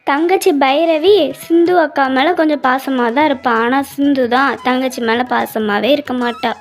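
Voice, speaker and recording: A woman narrating a children's moral story in a slow, gentle storytelling manner, with faint music behind. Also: sits high.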